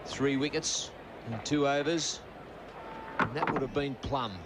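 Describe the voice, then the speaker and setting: A man's voice: mid-range voice, measured pace. A man giving live cricket commentary in an outdoor broadcast. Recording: noisy outdoor broadcast with crowd. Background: stadium crowd.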